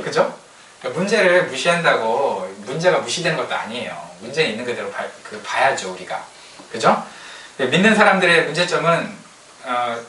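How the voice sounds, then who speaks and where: A man preaching a sermon as a pastor, in a lively, colloquial way, sometimes acting out what people say. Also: mid-range voice. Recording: roomy hall sound, distant mic, faint ambience.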